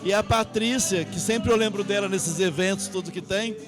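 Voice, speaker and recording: Speaking at a moderate pace in a high-sitting voice, a middle-aged Brazilian man, an artist guest, tells his life story in interview form, wandering as he goes and frequently tacking on tag questions. Music plays in the background.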